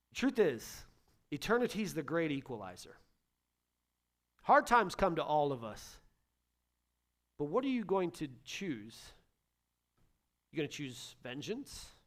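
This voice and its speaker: A man in his thirties delivers a sermon as a pastor, his voice sitting high for a man. He swings from loud, urgent bursts down to soft, hushed lines.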